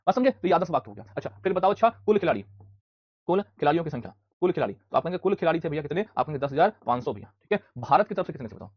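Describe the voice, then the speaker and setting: A man runs a live online class and drills facts at a rapid clip. He keeps asking rhetorical questions and repeating the answers. His voice is husky and a little high, and the dry recording sounds muffled. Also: lively intonation, no room sound. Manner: scolds students loudly at times. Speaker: online exam-prep teacher.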